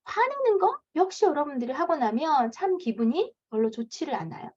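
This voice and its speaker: A woman's voice: high-pitched, very animated, brisk, darkish tone. A woman in her thirties, a parenting coach, giving a lecture and acting out parents' lines in a raised voice. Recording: dull lo-fi lecture recording.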